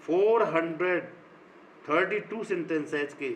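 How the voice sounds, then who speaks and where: A middle-aged man with an Indian accent, a school teacher giving an online grammar lesson in slow, dictation-like phrases, switching between English and Hindi. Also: fairly high pitch, slight background noise, poor audio.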